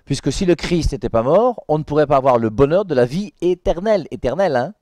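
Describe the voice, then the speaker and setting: A man, a priest, giving a conversational Sunday Bible commentary, often adding "hein" and repeating words, and reading scripture slowly and emphatically. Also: a little high, lively intonation, mellow, no room sound.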